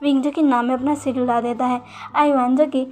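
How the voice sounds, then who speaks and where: High-voiced young woman narrating fan fiction. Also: steady tone, a little mellow, soft background music. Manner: informal, halting read-aloud with frequent restarts. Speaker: storyteller.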